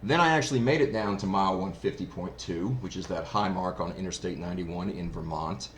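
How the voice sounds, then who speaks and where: A hobbyist product reviewer gives a casual first-hand review, chatty, enthusiastic, and full of anecdotes. His voice is low, fairly quick, and fairly bright in tone, with clearly noisy ambience in the background.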